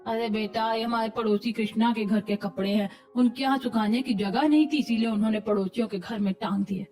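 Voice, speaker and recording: A woman acts a patient grandmother in an animated family story. She calms others in a resigned, soothing tone, her voice slightly distant from the mic with soft music behind. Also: on the high side, brisk, close to an everyday voice.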